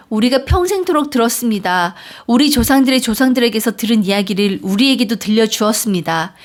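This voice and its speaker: Earnest woman reading scripture aloud. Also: a little high. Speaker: Bible reader.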